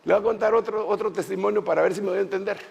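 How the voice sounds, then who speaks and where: A man preaching a sermon at a church conference in an animated way, swinging from shouts to low asides and calling his listeners brother. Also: racing, creaky, breathy edge, highs cut off. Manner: folksy, addresses listeners as brother. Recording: long hall reverb in a church.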